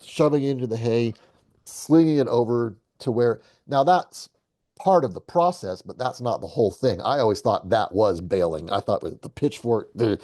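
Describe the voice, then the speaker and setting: A man's voice: on the low side, warm tone. A man from the Southern United States giving a casual, digressive lesson, often correcting himself and swearing now and then. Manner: chatty, digressive, self-correcting, occasional swearing. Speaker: host and English teacher.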